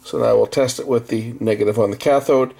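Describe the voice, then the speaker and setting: The middle-aged repair host keeps talking through the fix at his indoor workbench, easygoing and conversational. He speaks a little fast at medium pitch, his tone steady and warm with vocal fry, against the noise of the room.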